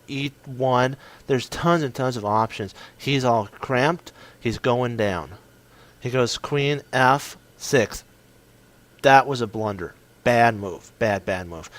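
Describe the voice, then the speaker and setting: An excitable man talks through a chess game he won, in short punchy bursts. His voice sits at an ordinary mid pitch. He often stumbles and corrects himself as he goes. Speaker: chess commentator. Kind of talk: casual game commentary.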